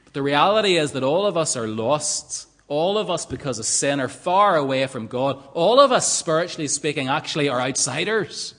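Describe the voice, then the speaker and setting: A man's voice: fairly high pitch, expressive, normal speed, hardly any pauses, fairly bright tone. A man preaching a sermon in an earnest, emphatic way, often asking rhetorical questions. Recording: long reverb of a large hall.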